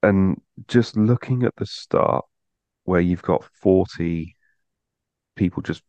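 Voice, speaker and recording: A man's voice: low voice, slow, darkish tone, dry recording, lo-fi sound. A man co-hosting a motorsport podcast in casual chat, rambling and restarting his sentences. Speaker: podcast co-host.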